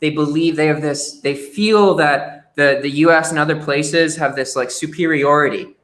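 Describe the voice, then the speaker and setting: A man's voice: a little high, moderate pace, fairly bright tone. A young man talking frankly as a podcast guest, often repeating words as he starts a sentence. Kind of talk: casual interview chat.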